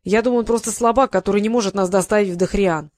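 A woman's voice: mid-range voice, fast, darkish tone, close to an everyday voice. A woman reading an audiobook, voicing a stubborn, clever young male wizard with a firm, indignant manner.

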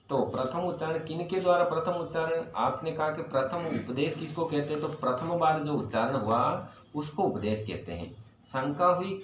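A man teaching Sanskrit grammar to a class, explaining patiently, asking his students questions and reciting verses slowly. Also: on the high side, a little hiss or hum. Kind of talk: classroom lecture. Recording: echoey, dull lo-fi room recording.

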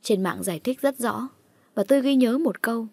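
Breathy woman narrating a horror story. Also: fairly high pitch, moderate pace, darkish tone, no room sound.

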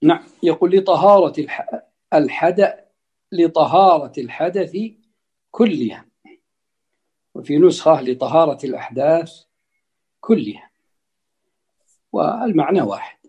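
A man's voice: a little high, animated, dark tone, slightly rough, muffled recording. A man teaching as a religious scholar, explaining a classical text line by line and repeating key phrases. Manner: deliberate, repeats phrases for emphasis.

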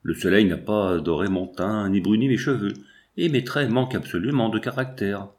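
A man's voice: fairly low pitch, normal speed, a little mellow, close to an everyday voice. A man reading the lines of a tactful, self-deprecating young woman in an audiobook.

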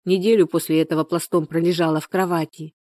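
A woman narrating a dramatic story in a steady, measured audiobook reading. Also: deep voice, no echo, studio quality.

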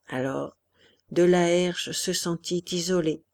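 A woman reading a classic novel aloud as an audiobook narrator, in a measured, even way. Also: lowish voice. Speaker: audiobook reader.

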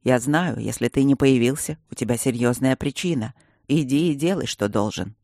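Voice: mid-range voice, normal speed, darkish tone, dry recording, clean studio sound, pitched below the performer's own voice, lightly acted. An audiobook reader voicing a grave, weary adult male mage who speaks curtly.

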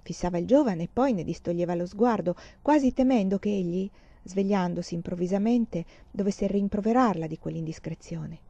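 Mellow-voiced woman reading a novel. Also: medium pitch, no echo, lo-fi sound. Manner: measured, expressive reading. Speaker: audiobook reader. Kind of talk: literary audiobook narration.

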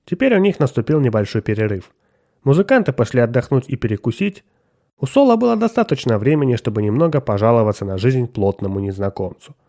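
A man narrating a story in a mellow, dark-toned voice, his pitch rising and falling with lively movement. He tells the story steadily and expressively, shifting his voice for each character. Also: fast talker. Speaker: audiobook narrator. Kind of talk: scripted narration with voiced dialogue.

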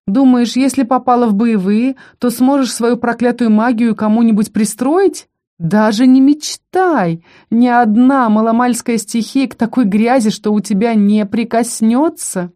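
A spiteful young necromancer girl who bullies with a high, sneering lilt, as a woman reads her. Her taunts are mocking and condescending, and her voice is mellow underneath. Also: animated, a little slow. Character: haughty young female necromancer student, spiteful bully.

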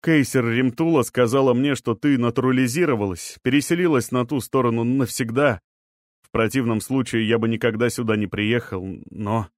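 Audiobook part: reader doing a bitter middle-aged man, shrugging flat delivery, dry studio. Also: medium pitch, moderate pace, no echo, natural voice. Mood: resigned.

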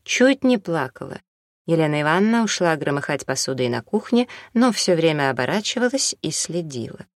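A woman with a low voice narrates an audiobook in an even, measured way. The recording is close and dry, with no room echo.

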